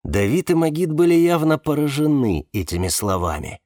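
A man narrating a novel in a measured, expressive read. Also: a little high, no room sound, studio quality. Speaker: audiobook narrator. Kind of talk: scripted narration.

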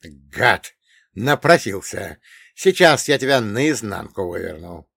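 A man's voice: mid-range voice, lively intonation, slow pace, sharp tone, no room sound, studio quality, full character voice. A man voicing a hotheaded young male thug who barks threats. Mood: enraged. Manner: barking threats.

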